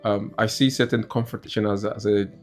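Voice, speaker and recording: Casting: young man from Nigeria, lowish voice, halting and filler-heavy, soft guitar under. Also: flat delivery. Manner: hesitant, many "you know" fillers. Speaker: co-host, husband. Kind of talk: casual couple chat. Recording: soft guitar music behind.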